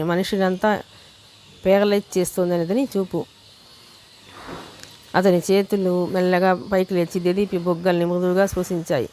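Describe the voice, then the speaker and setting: A woman's voice: lowish voice, darkish tone, a little hiss or hum. A woman narrating a romance novel audiobook with a Telugu accent, reading steadily and voicing each character's dialogue herself.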